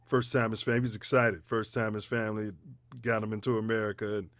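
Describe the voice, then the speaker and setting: A man's voice: on the low side, flat delivery, brisk, fairly bright tone, dry recording, studio quality. A middle-aged man co-hosting a casual sports talk show, telling loose, slangy stories and laughing easily. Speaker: co-host.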